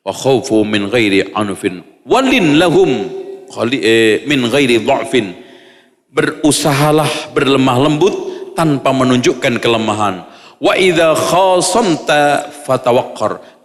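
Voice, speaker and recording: A man preaching, reading Arabic lines and explaining them in a lively way, acting out little examples with humor. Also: on the high side, in a large hall. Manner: lively, acts out examples, jokes with audience. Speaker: Islamic preacher.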